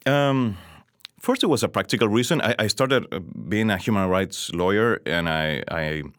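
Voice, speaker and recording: A man's voice: on the low side, normal speed, no room sound, clean studio sound. A man from Chile in his forties, a guest on a podcast interview, talking earnestly with many fillers and restarts.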